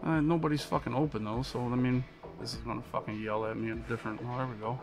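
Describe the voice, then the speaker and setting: A medium-pitched male voice with fairly even intonation talks quickly over background music. He's an American in his thirties streaming a video game from a small indoor room with monitors, griping profanely and with frustration as he plays.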